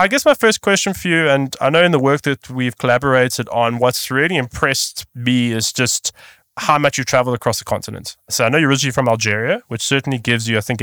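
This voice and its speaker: A man's voice: medium pitch, a bit bright, no room sound. A man hosting a podcast interview, asking long, chatty framing questions. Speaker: podcast host.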